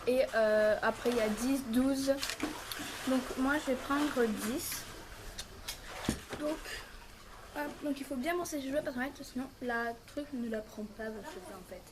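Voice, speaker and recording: A woman's voice: sits high, unhurried, pauses often, noisy background. A young woman vlogger chatting casually through a hair tutorial and product review, rambling with lots of fillers. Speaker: beauty vlogger. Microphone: built-in camera mic.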